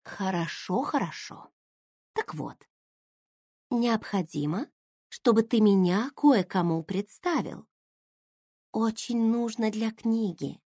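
A woman plays a cheeky pregnant younger sister, hushed and teasing, slipping slightly higher and quieter than the narration. she talks slowly, with a lively up-and-down pitch. it sounds close and dry, like a storybook reading. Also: no echo.

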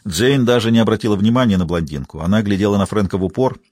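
Husky-voiced male audiobook narrator. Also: on the low side, quick pace, darkish tone, no room sound, clean studio sound. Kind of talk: scripted narration.

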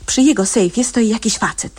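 An actress playing a chatty, scheming wife in a radio drama, telling stories with quick reassurances. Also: female voice, on the high side, a little mellow, slightly rough. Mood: gossiping.

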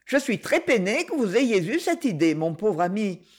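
A woman voicing a proud, gently firm young lady. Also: mid-range voice, big pitch swings, moderate pace. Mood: surprised, troubled. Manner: gentle but firm, reproachful.

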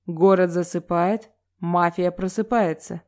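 A woman voicing a young man hosting a party game in a slow, mysterious half-whisper. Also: lowish voice, steady tone, a little mellow, natural voice.

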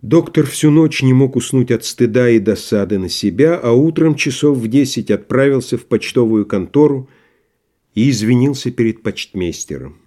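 A man narrating a literary audiobook in a measured, even storytelling manner. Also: medium pitch.

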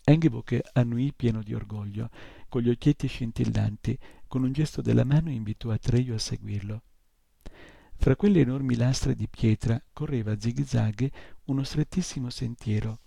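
Male audiobook reader, measured storytelling, husky and dark. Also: medium pitch, dry recording. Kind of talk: novel read aloud.

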